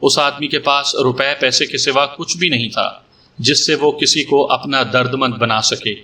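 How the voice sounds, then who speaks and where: A man's voice: medium pitch, steady tone, pushed and bright, distant mic, natural voice. A man reading the part of a young woman making a frank, defiant statement to a police officer, in a story reading.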